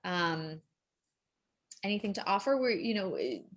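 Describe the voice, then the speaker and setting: A woman addresses an event audience in a loose, rambling way, starting and stopping often and leaning on fillers. Her pitch is in a middle range, and she keeps a friendly, informal tone. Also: animated, a little slow. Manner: rambling and hesitant, with many fillers and restarts. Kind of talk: casual presentation at a public event.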